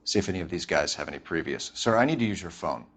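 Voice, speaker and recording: A man's voice: deep voice, animated, fast. A man playing a stern, methodical 1940s police detective in a video game, formal and clipped. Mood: businesslike.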